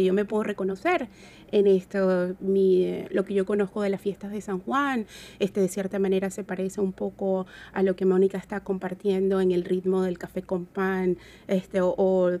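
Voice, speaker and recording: A woman with a Caribbean Spanish accent from Venezuela speaks as an interview guest. Her voice has a lot of fry and sits at a middling pitch. She is reflective and conversational, pausing often as she searches for the right word. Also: mellow. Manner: halting, searching for words.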